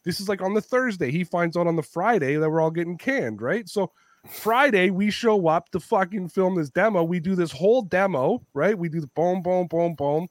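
A man hosting a podcast, telling a story in casual chat, animated, swearing freely and acting out what people said. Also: high voice, moderate pace, dry recording. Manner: animated storytelling, swears a lot, acts out quotes. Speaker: podcast host.

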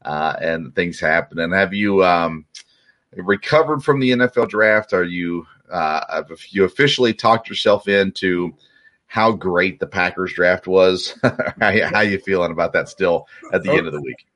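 A man's voice: sits low, unhurried, fairly bright tone. A man hosting a sports podcast, chatting casually with many fillers and restarts. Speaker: podcast host.

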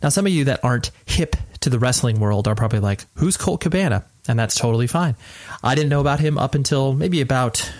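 An American man with a mid-pitched voice hosts a casual podcast intro. He keeps it quiet, as one does at night at home, yet sounds earnest and informal, rambling along. The sound is very dry, with no room echo. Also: animated, fairly quick. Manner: keeping his voice quiet at night, restrained. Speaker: podcast host. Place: at home at night, next door to a sleeping person.

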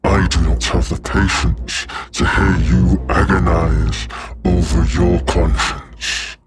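Very slow, menacing deep dragon. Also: male voice, fairly even intonation, over music. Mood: impatient, imperious. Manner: slow, menacing, archaic formal speech. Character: weary, angry, imperious chained old male dragon. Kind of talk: tabletop role-play acting.

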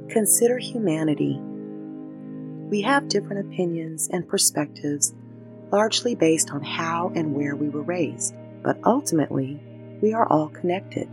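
A woman guiding a meditation as host, speaking in measured, instructional phrases. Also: deep voice, animated, over music. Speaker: meditation guide and show host. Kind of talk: guided meditation, scripted narration.

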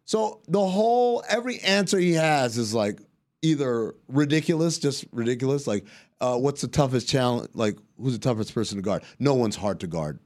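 A man guesting on a sports podcast, talking at a middle pitch. He tells his story in an animated way, acting out what each person said and swearing freely. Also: moderate pace. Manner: animated anecdote-telling, acting out quoted dialogue, casual swearing. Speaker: podcast guest, basketball analyst. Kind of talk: casual storytelling chat.

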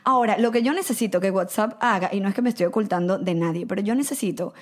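Woman, Venezuelan accent, podcast guest, fast, emphatic, casual chat. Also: mid-range voice.

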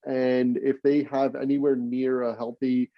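A man's voice: medium pitch, flat delivery, a little slow, dry recording, lo-fi sound. A man co-hosting a podcast, chatting casually and laughing often, with rambling restarts. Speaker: podcast co-host. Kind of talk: casual sports chat.

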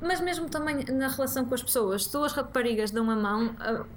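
Fast-talking young Portuguese-accented woman, opinionated. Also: high-pitched, lively intonation, a little hiss or hum. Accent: European Portuguese. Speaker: guest, a clothing designer. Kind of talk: casual conversation.

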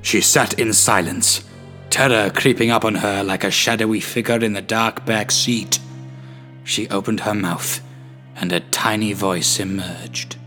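A man's voice: lowish voice, fairly even intonation, measured pace, bright, forceful tone, faint music behind. A man reading a darkly comic story in a wry, dramatic storytelling manner. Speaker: narrator. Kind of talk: scripted story narration.

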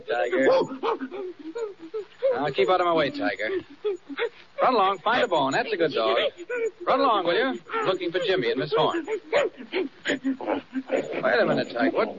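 A man's voice: high voice, very animated, moderate pace, pauses often, dull audio, over a noisy crowd. An actor playing an anxious heroic man calling out and urgently coaxing a dog, in 1940s radio acting on an old recording.

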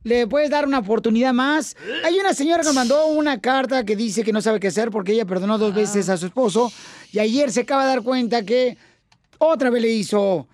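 A man's voice: very high voice, a little fast, no room sound. A man hosting a comedic radio talk show, playful and teasing with callers.

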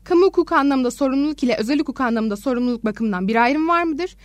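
A woman's voice: sits high, animated, rapid-fire, no echo. A woman hosting a student radio show, reading formal scripted questions and introductions politely.

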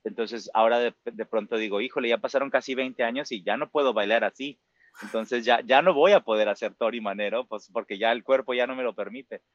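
A man's voice: mid-range voice, fairly quick, dry recording. Man, Mexican Spanish accent, forties, interview guest, reflective, many fillers, dry slightly lo-fi sound. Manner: reflective, frequent fillers and tag questions. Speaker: musical theater performer, guest. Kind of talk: casual interview talk.

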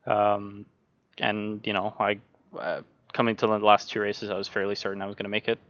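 A young Norwegian sim racing driver chats as a podcast guest, relaxed and halting, with lots of fillers and restarts. His voice is lowish, and the recording is muffled with no echo.

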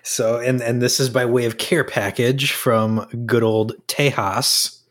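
A man's voice: medium pitch, flat delivery. A man chatting casually as a podcast co-host, drawing out and savoring his words. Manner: drawn-out, savoring delivery. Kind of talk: casual banter among friends.

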